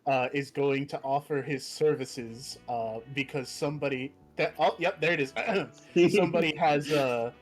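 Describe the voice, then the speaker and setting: A man's voice: medium pitch, fairly even intonation, normal speed, faint music behind. Man casually playing a tabletop game. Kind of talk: casual role-play chat.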